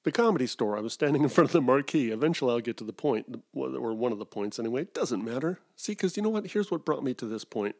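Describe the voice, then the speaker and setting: A man's voice: mid-range voice, expressive, fast talker, few pauses, darkish tone. A middle-aged man from Wisconsin hosting a solo podcast, rambling through digressions with self-mocking asides. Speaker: podcast host.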